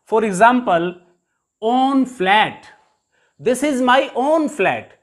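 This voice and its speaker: A teacher with an Indian English accent delivers a televised grammar lesson at an unhurried pace. The voice is middle-pitched and each example is spelled out and repeated as a question and its answer. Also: animated.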